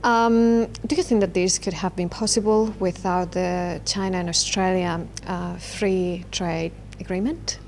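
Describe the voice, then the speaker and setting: A woman reporter asking interview questions, halting and using fillers. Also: on the low side, fairly even intonation, a little mellow, a little hiss or hum.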